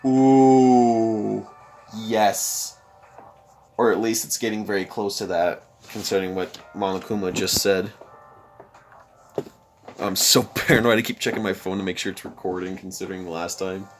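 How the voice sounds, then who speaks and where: A young man hosting a let's play, reading a visual novel aloud with expressive commentary. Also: deep voice, a little fast, soft background music.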